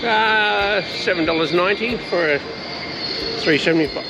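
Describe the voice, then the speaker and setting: A man's voice: sits high, normal speed, poor audio. An Australian man chatting in an informal, matter-of-fact way on a travel vlog. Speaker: travel vlogger. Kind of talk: casual vlog chat.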